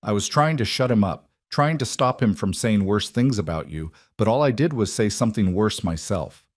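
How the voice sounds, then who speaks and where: A man voicing a gruff frontier farmer. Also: on the low side, expressive, normal speed, no echo. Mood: remorseful. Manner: gruff, earnest pleading.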